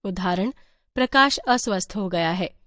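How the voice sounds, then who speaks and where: A woman reading a teacher's guide aloud in an even, measured voice. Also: medium pitch, dry recording, studio quality. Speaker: textbook reader.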